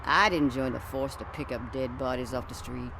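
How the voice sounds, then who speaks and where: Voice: medium pitch, steady tone, moderate pace, vocal fry, very noisy, natural voice. An actor playing a jaded, sarcastic police officer in a video game, blunt and sardonic.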